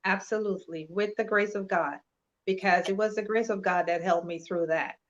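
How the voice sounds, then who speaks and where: A woman speaks as an interview guest. She is measured and sincere and pauses often between thoughts. Her mid-pitched voice comes through a slightly dull, lo-fi video call line. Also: fairly even intonation. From Trinidad and Tobago. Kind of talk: personal testimony in an interview.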